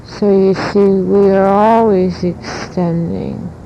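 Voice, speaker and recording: Her voice creaky and gravelly, a woman teaching as a spiritual guide speaks with extreme slowness, splitting thoughts into brief deliberate phrases in a very even, instructive way. The old cassette recording is muffled, with noise and rumble.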